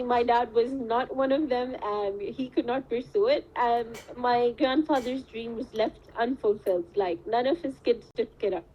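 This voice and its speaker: A woman's voice: fairly high pitch, dark tone, rough recording. A woman in her twenties from Saudi Arabia, a medical student giving earnest, reflective interview answers at length.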